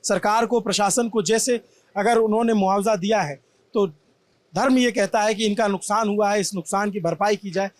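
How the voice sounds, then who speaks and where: A man's voice: high voice, normal speed, no room sound. A man from Prayagraj, India, giving an impassioned, emphatic on-site news report from a damaged shop. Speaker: field reporter. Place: at a damaged shop after a crowd crush.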